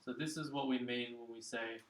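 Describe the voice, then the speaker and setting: A man's voice: medium pitch, fairly even intonation, normal speed, slight background noise. A man tutoring a child in maths one-on-one, explaining patiently and checking in with frequent "okay?"s. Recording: echoey room.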